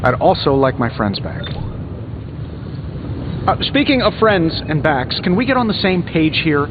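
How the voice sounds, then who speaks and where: A man's voice: fairly high pitch, sing-song, a little slow, narrow, tinny audio, background noise. A man playing a cocky, wisecracking armored billionaire superhero in a video game, glib and sarcastic. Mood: dry, determined. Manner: glib, sarcastic, quippy banter.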